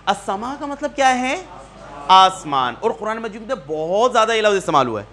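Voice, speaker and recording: A man with a high, bright voice leads a classroom lesson. He goes through a word list one item at a time, has students read each word aloud again, and gently corrects how they say it. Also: sing-song. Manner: patient, asks students to repeat words and corrects pronunciation. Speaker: Quran teacher. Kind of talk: classroom teaching, word drills. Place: neighbourhood class room.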